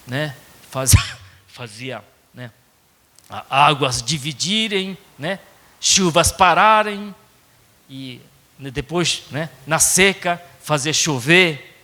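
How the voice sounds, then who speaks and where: A man's voice: fairly high pitch, pushed and bright, big-room sound. A man from Japan with a Japanese accent preaching a sermon in a conversational way, often adding little tag questions. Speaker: pastor. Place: church sanctuary.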